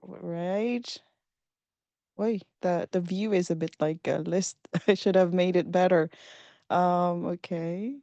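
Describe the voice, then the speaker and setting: Slow, upbeat woman presenter. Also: lowish voice, steady tone, mellow, no room sound, highs cut off. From Philippines. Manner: upbeat, chatty, with frequent fillers and small laughs. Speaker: webinar presenter. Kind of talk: casual live webinar talk. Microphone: video call.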